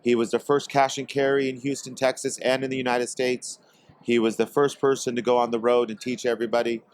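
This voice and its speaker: A man from Portland, Oregon, guest on a podcast, speaking hesitantly with many pauses and fillers. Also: mid-range voice, level tone, clear, resonant tone, no echo. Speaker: guest, tobacco company executive. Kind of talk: casual podcast interview. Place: trade expo.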